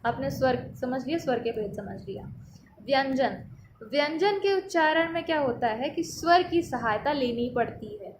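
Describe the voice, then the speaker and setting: A woman teaching a school grammar lesson, explaining slowly and stretching out sounds to demonstrate them, often checking in with her students. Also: sits high, lively intonation, slight background noise.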